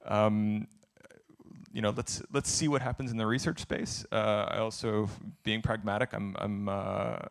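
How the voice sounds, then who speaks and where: A man's voice: on the low side, steady tone, a little slow, gravelly. A man answering audience questions at a conference, candid and thinking aloud as he talks. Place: conference event.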